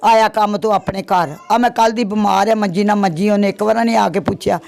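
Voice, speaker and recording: Middle-aged woman, plaintive interviewee, gravelly voice, faint music underneath. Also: medium pitch, fairly even intonation, fast, a little mellow. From Pakistan. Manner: plaintive, repeats her complaints. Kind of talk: emotional interview testimony.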